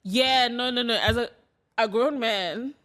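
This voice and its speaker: A woman's voice: a little high, unhurried, fairly bright tone. A woman in her late twenties chatting candidly as a podcast guest. She laughs easily. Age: late 20s. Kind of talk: casual chat.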